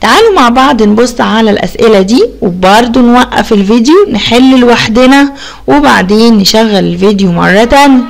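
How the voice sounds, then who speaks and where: An Egyptian woman teaches young children English, pulling the example words out slowly and tossing questions to the class. Her voice sits a little high and carries a gravelly rasp. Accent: Egyptian Arabic. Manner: slow drawn-out English model words, lively teacherly questions.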